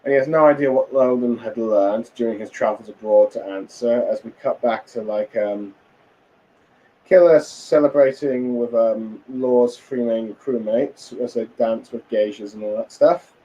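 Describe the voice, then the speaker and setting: A man's voice: mid-range voice, measured pace, warm tone, dull audio. Rambling man recapping a comic chapter. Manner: rambling, many fillers and restarts. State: tired, yawning. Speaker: manga reviewer.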